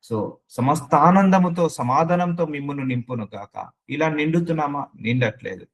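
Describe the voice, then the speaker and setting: A man's voice: on the high side, normal speed. A man preaching a sermon as a pastor, repeating phrases with emphasis and mixing in English words, to a gathering of about thirty people.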